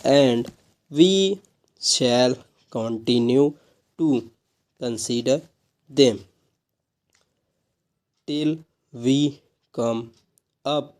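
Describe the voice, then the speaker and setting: A man reading slow dictation for shorthand practice, measured and broken into short phrases with pauses between them. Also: mid-range voice, darkish tone.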